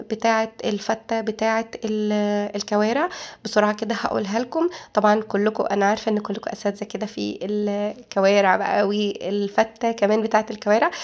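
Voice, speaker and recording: A woman's voice: on the high side, darkish tone. A woman with an Egyptian accent hosting a casual cooking vlog, chatting directly to her viewers. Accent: Egyptian Arabic. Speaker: cooking channel host.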